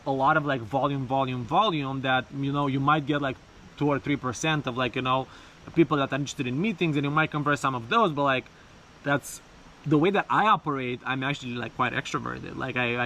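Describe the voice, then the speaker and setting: Man, bright voice, casual vlog talk, halting repeated words, informal slangy phrasing, faint outdoor background noise. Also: medium pitch, poor audio. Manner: informal, sprinkled with swearing and bro. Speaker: vlogger. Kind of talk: casual unscripted personal vlog. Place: outdoors, bathing in a river.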